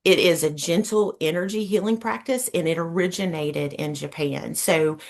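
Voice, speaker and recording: A woman's voice: on the low side, normal speed. A woman with a Georgia Southern accent, giving an informal, folksy explanation as a guest practitioner on a video call. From Georgia, United States. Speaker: Reiki practitioner, guest speaker.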